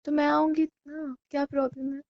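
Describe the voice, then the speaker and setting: A woman plays a clingy, jealous young girlfriend in a casual romantic call drama, arguing in a fairly high voice that's sulky, insistent and pleading. Her delivery is flat and at normal speed. The audio is a bit dull and lo-fi, like a phone call.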